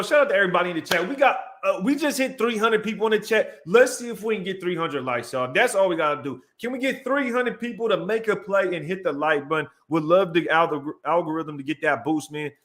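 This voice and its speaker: A man's voice: high voice, fast talker, hardly any pauses. A young man hosting a casual livestream, reading viewer comments and getting worked up while breaking down game film. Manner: animated, breaks down game film with excited outbursts; reads out chat messages and gives shout-outs. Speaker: show host.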